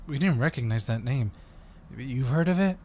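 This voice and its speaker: A man plays an eager, friendly undercover agent in an audio roleplay, chatting politely in an earnest mood. His medium-pitched voice has lively intonation, a moderate pace, and a slightly mellow, everyday quality, with slight background noise.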